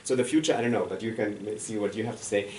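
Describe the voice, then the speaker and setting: A man's voice: on the low side, a little fast, a little mellow. A man commenting at an academic discussion, speaking hesitantly with many fillers. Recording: roomy distant sound with faint noise.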